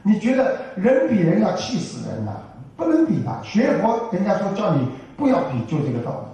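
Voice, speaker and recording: A man's voice: high-pitched, wildly swooping pitch, fairly quick, mellow, muffled recording. An older man gives a folksy Buddhist dharma talk to an audience, full of rhetorical questions. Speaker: Buddhist teacher. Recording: echoey hall from far off.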